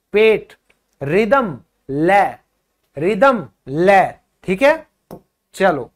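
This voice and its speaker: A man's voice: sits high, fairly bright tone. A man teaching English pronunciation in a video lesson. He explains patiently, repeats each drilled word, and calls his viewers children and friends.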